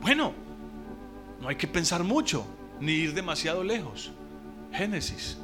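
A man's voice: a little high, very animated, unhurried, over music. A man preaching a sermon to his congregation, emphatic, drawing out key words and posing rhetorical questions.

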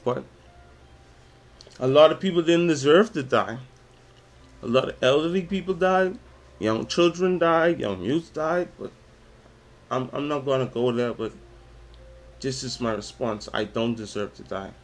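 A man's voice: mid-range voice, unhurried, long pauses, a little hiss or hum. A man in his twenties with a Bahamian accent, hosting his own podcast, talking about faith and reciting spoken word poetry with dramatic intensity. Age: 20s. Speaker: podcast host.

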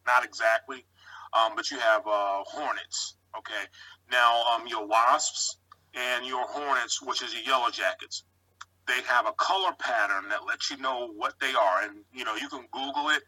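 A man's voice: medium pitch, moderate pace, pushed and bright, rough recording. A man who keeps bees, explaining insects casually in short steps and checking in with "okay". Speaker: beekeeper, podcast guest.

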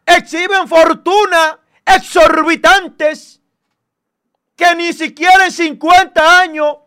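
Male host, very high pitch, insistent debater. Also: fairly bright tone. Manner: insistent, repeats quick denials. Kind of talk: heated panel debate.

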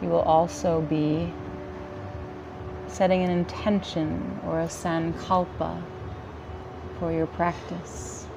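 Slow, low-pitched woman guiding meditation. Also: creaky, noisy background. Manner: calm, soothing, gentle delivery with long pauses. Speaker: yoga nidra guide. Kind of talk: guided relaxation meditation.

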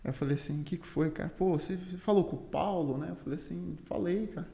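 In an echoey, roomy recording, a Brazilian guest with a Brazilian Portuguese accent, who is a Muay Thai fighter and teacher, tells a story in casual slang peppered with fillers. His voice is a little high, gravelly yet mellow, and he speaks at a quick pace.

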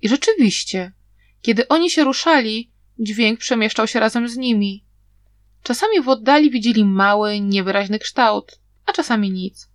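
A woman reading an audiobook as narrator, telling the story in a steady, even way. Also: on the high side, normal speed, dry recording, clean studio sound.

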